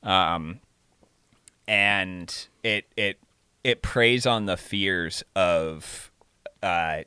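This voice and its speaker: A man co-hosting a casual film talk show, speaking in slow, reflective, drawn-out phrases. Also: low voice, bright, forceful tone, clear, resonant tone, no echo, studio quality. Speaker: podcast co-host.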